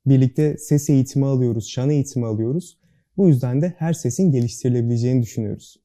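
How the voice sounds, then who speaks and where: Here a young board member of a student club, interviewed as a guest, talks fast and earnestly in a very dark, mellow, mid-range voice. Every word is carefully and precisely pronounced, and his tone never strays from formal and serious.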